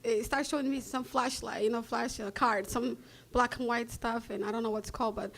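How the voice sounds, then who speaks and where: Speaking with a Somali accent, a woman from Somalia recounts a personal story on stage, blunt and animated, with frequent laughter between lines. Her voice is a little high and creaky, and her pace fairly quick.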